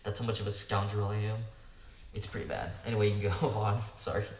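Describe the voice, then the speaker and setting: Young man, quick interrupting chatter, low voice, roomy echo from far off the mic. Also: fairly even intonation. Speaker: podcast co-host. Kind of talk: casual chat. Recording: echoey room, mic set at a distance, faint noise.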